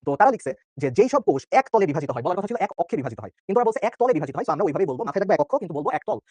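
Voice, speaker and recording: A young man from Bangladesh gives an online biology lecture at a very rapid clip. His voice sits high and the sound is dry and close. He is chatty and joking, and keeps checking in with his students. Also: sing-song, a little mellow, breathy edge, no room sound. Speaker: biology tutor. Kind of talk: online exam-prep lecture.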